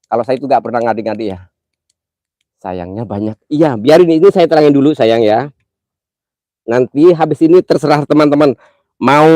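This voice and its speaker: A man hosts a live ghost-hunt stream from a cemetery at night, teasing and joking with his viewers in a playfully affectionate way. His voice is warm and mellow, with a stuffy, congested nose from a cold. The sound is close and dry. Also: medium pitch, dry recording. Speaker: livestream host.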